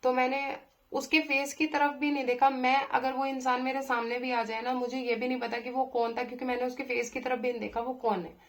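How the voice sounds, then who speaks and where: A woman's voice: high voice, little pitch movement. Chatty woman telling a story. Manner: chatty, with many pauses and fillers, acting out her own angry replies. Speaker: vlogger telling a personal story. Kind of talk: casual storytelling.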